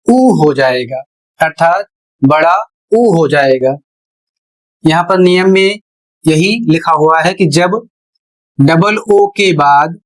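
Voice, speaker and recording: A male teacher explaining pronunciation rules at a board in a deliberate way, repeating each step. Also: fairly high pitch, low-quality recording. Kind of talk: slow classroom explanation at a board.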